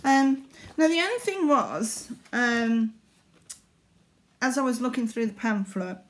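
Slow-talking middle-aged woman, hesitant. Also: on the high side, lively intonation. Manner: hesitant, rambling. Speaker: needlework vlogger. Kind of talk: casual chat to camera. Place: small living room indoors.

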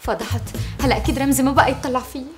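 A woman's voice: high voice, fairly even intonation, rapid-fire, faint music behind, natural voice. An actress playing a panicked, ashamed young woman with a Lebanese accent in a TV drama. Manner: distraught, pleading. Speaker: young woman caught in a lie. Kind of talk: TV drama acting.

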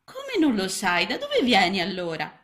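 A fussy, doting mother frog from a storybook, bustling and motherly, her voice pitched up a touch and full of lilt, as a woman narrator puts her on. She fusses warmly over the little one she has taken in. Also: huge pitch swings, moderate pace. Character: motherly middle-aged female frog, fussy housewife.

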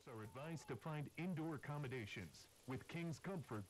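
A performer voicing a calm radio newsreader in a video game, reading a scripted bulletin slowly and evenly. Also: medium pitch, slight background noise, close to an everyday voice, rough recording. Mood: formal. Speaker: in-game radio news announcer.

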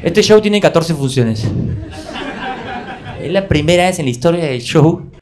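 Animated stand-up comic. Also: male voice, on the high side, unhurried, crowd noise. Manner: animated, swearing, self-addressing. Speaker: stand-up comedian. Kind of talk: stand-up comedy storytelling. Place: theater stage.

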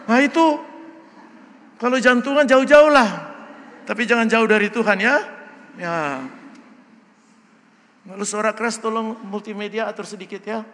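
An older male pastor preaching a sermon in a church, loud and joking, often asking the congregation questions. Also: sits high, unhurried, pauses often. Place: church sanctuary. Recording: long church hall reverb.

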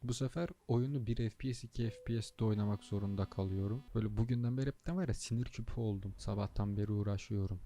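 A man's voice: lowish voice, fast talker, few pauses, warm tone. A tired young man hosting a gaming channel, chatting casually while he plays and grumbling at the traffic, swearing under his breath. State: tired, low on energy. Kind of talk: casual gameplay commentary.

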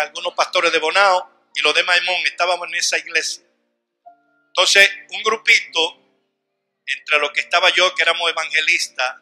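Fervent male preacher, high and very bright, shouts his refrains over faint music. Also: low-quality recording. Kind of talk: sermon.

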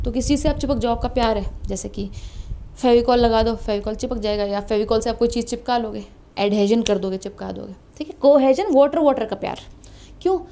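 Young woman, exam-prep biology teacher; high-ish warm voice, coaxing, asks questions. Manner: animated and coaxing, asks students questions, calls them beta.

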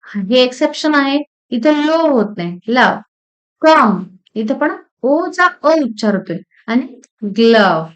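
A woman teaching English pronunciation, saying words one at a time in slow, deliberate drills with short explanations. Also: fairly high pitch, very animated, highs cut off. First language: Marathi. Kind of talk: pronunciation lesson reading word lists.

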